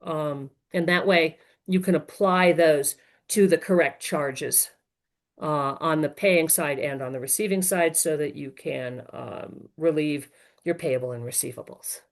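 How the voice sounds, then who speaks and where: Her voice is deep and her pace measured as she gives an informal, explanatory webinar as a software trainer. She phrases things one piece at a time and corrects herself along the way.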